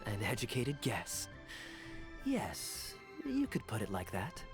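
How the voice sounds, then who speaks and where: Suave, lively, sly captain. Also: male voice, on the low side, slow, soft background music, full character voice. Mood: composed. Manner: smooth, wry, leisurely. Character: suave, unruffled male captain, teasing and sly. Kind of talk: video game voice acting.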